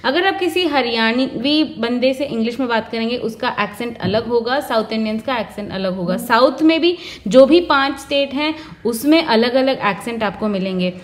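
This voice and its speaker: High-voiced woman giving earnest career advice. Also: animated, moderate pace. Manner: earnest, emphatic, mixes English terms into Hindi. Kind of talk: explanatory advice talk.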